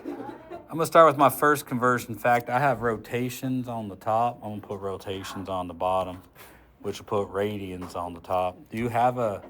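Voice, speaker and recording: His voice is lowish and fairly bright, with mostly even intonation and a moderate pace, and a little hiss or hum can be heard. He's lecturing a physics class, joking around as he chats through a worked example and spells out each arithmetic step.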